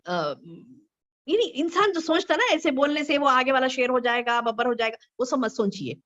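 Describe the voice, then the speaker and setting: Woman, religious scholar, lecture to women, higher-pitched voice, rhetorical questions, repetition, slow scripture recitation, muffled lo-fi recording. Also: expressive, fairly bright tone. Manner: repeats phrases and asks rhetorical questions; recites Arabic verses slowly, then explains them. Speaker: female Islamic scholar teaching women. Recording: dull lo-fi recording.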